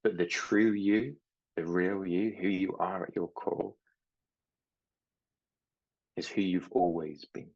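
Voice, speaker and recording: A low-voiced middle-aged man with a husky edge, speaking as a mindset coach. He talks in a slow, gentle, reflective way, and the recording sounds slightly dull. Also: fairly even intonation. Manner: slow, gentle and reflective, with anecdotes about his children. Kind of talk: reflective talk to camera.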